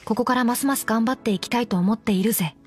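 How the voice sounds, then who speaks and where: An actress voicing a deadpan undead doll girl who teases dryly in an in-character anime commentary. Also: on the high side, fast talker, soft background music, close to an everyday voice. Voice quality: flat, emotionless delivery. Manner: teasing, dry deadpan jokes. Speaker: commentary co-host.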